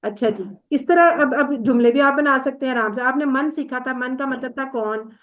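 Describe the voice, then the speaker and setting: A woman's voice: high-pitched, moderate pace. A woman teaching an online class, patiently explaining step by step and quizzing her students.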